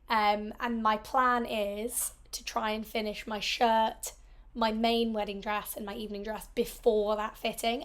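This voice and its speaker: A hoarse woman in her thirties from the United Kingdom, losing her voice and chatting in a rambling, upbeat way with lots of asides in her home sewing vlog. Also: a little high. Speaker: sewing vlogger. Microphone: small mic at the bottom of the frame.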